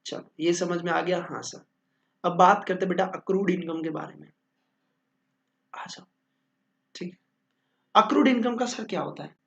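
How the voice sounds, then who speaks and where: A man's voice: sits high, unhurried, vocal fry, long pauses, fairly bright tone, lo-fi sound. A man teaching accounting in a joking, bantering lecture, answering his own questions.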